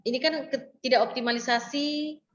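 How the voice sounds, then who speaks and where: A woman's voice: high voice, fairly even intonation, normal speed, roomy sound, dull audio. A woman training instructor guiding an online class, explaining step by step with frequent fillers and restarts over a video call.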